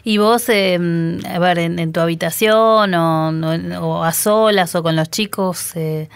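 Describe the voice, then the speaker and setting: A woman radio host with a Rioplatense accent, asking halting questions full of fillers in a studio interview. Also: on the low side, fairly even intonation, smooth, no room sound. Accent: Rioplatense Spanish.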